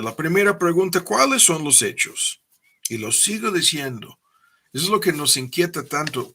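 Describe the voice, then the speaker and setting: A man's voice: a little high, vocal fry, bright, forceful tone. A middle-aged man preaching a teaching sermon, repeating words and often tagging "¿no?" onto his points. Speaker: pastor.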